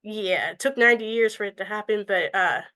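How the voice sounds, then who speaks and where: A woman's voice: mid-range voice, a little fast, pushed and bright. A woman from California, a student asking a question, who hesitates and searches for her words. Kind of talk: casual conversation.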